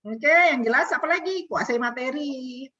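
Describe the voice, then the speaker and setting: Husky indonesian lady coaching her group online, fairly high voice, kinda muffled call audio. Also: moderate pace. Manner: lively teacherly, asks the group questions. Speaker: communication coach. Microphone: video call. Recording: dull lo-fi video call audio.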